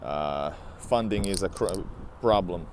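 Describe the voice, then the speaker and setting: A low-voiced, tired man from Latvia and Finland streams outdoors as a travel vlogger, taking it slowly. On a city street beside a large building, he chats casually with viewers through a wired earbud headset, phone at arm's length, picking up outdoor street noise. He rambles, restarts often, and talks back to chat.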